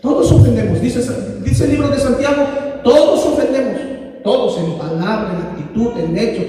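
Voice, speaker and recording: A man preaching a sermon as pastor, calling out to the congregation and rising to shouts. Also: very high-pitched, moderate pace, slight background noise. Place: large church hall. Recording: echoey hall, distant mic, music behind.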